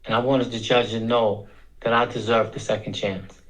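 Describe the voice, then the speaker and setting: A man's voice: medium pitch, little pitch movement, fairly bright tone, low-quality recording. Reflective middle-aged man from Brooklyn. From Brooklyn, New York. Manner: deliberate, repeats words for emphasis. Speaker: interview guest telling his own story. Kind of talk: reflective personal storytelling.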